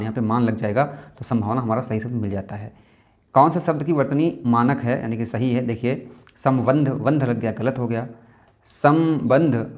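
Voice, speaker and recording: A young man leads a casual exam-prep lesson in Hindi spelling, speaking with an average pitch. He talks conversationally, repeating each key word and reminding the listener to keep it in mind. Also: a little mellow.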